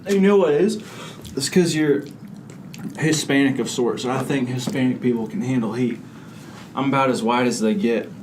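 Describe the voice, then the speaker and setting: A man's voice: medium pitch, moderate pace, long pauses. A young man hosting a youth ministry video, dramatically complaining and coughing through a spicy food challenge. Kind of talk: casual hot-sauce challenge banter. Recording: noisy room background.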